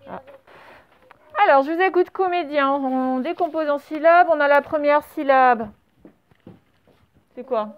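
A woman with a high voice leads a dictation lesson for young pupils. She says each word slowly and clearly, then spells it out syllable by syllable. The recording sounds slightly dull and lo-fi. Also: no room sound. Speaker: primary school teacher.

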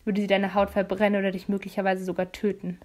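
A condescending teenage boy demon hunter, put on by a woman narrator in a storybook reading. He sounds lower and punchier than her normal voice, smug and curt. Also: monotone, quick pace, darkish tone, lightly acted. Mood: curt, irritated.

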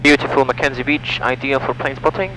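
Brisk and mid-range in pitch, a solo pilot in his twenties runs checklists, chats, and makes radio calls while taxiing and flying a small propeller plane. The recording is low quality, captured on an aviation headset boom mic, with the light aircraft engine humming steadily underneath.

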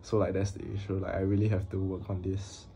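A young adult vlogger talks casually to his camera from a small room, his low, mellow voice staying flat and monotone. His speech is halting, full of fillers and long pauses. Faint room ambience and slight background noise sit behind him.

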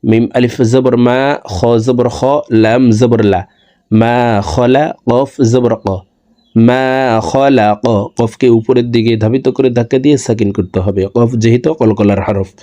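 A man teaching Quran reading, spelling out each letter slowly and then chanting the verses long and drawn out. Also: medium pitch, steady tone, warm tone. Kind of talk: recitation lesson.

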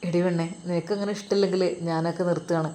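Woman voicing boastful schemer husband, swaggering, teasing, mellow, storybook. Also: fairly low pitch, fairly even intonation, fast talker, pitched below the performer's own voice, natural voice. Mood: smug.

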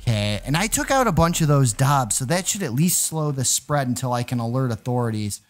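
With a mid-range voice and brisk delivery, this gaming video host talks excitedly to his viewers about the gameplay. His commentary is full of exclamations and playful mock alarm.

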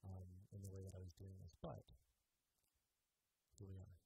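Laid-back male cellist host, low dark gravelly voice, hall-style reverb effect on the mic, rambling live-stream chat. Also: moderate pace, a little hiss or hum. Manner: relaxed, apologetic, rambling with fillers. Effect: reverb effect on his voice, like a big hall echo. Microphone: plugged into an audio interface input.

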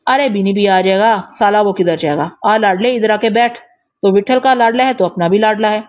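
A woman reading the lines of a menacing gang boss man in an audio novel, gruff and condescending. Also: mid-range voice, a little mellow, lightly acted. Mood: domineering.

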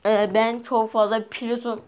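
A woman's voice: a little high, level tone, measured pace, darkish tone. Young woman grumbling over a mobile game. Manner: chatty, easily exasperated, talks to viewers. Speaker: mobile gameplay vlogger. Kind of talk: casual gameplay commentary. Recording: dull lo-fi sound with faint noise.

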